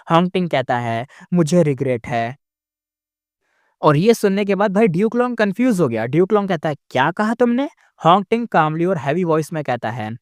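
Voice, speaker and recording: A man's voice: fairly high pitch, no room sound, clean studio sound. A man narrating a story recap in a casual, conversational way, often repeating himself and calling the listener brother.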